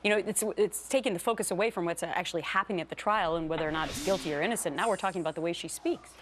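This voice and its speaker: A woman's voice: on the low side, rapid-fire, a little hiss or hum. A woman presenting a morning TV news segment and putting questions to guests as the host.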